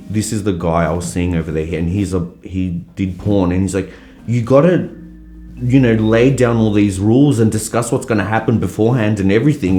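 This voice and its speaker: A man's voice: on the low side, a little mellow. A young man being interviewed, telling a story in a candid, loose way, swearing freely and using lots of fillers. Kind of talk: casual storytelling. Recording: roomy sound with faint background music.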